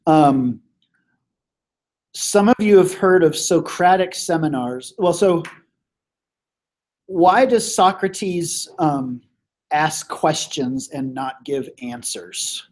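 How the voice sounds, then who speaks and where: A male teacher who is losing his voice, leading a casual classroom review with lots of fillers and throat clearing. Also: on the high side, lively intonation, takes it slowly, long pauses, a little mellow.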